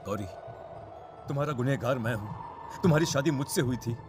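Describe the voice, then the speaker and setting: A man's voice: medium pitch, fairly quick, music in the background, lightly acted. A man voicing villagers in a horror cartoon, talking earnestly and pleading. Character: worried village father, pleading. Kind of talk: cartoon voice acting.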